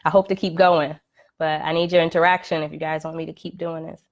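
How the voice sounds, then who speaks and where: A woman's voice: sits low, little pitch movement, quick pace, dull audio. A woman hosting her first live podcast, talking casually with many "right?" checks and "um" fillers. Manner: conversational, frequent "right?" and "um" fillers. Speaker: podcast host. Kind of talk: casual live-stream monologue. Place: at home, live video stream. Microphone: computer or phone mic on a live stream.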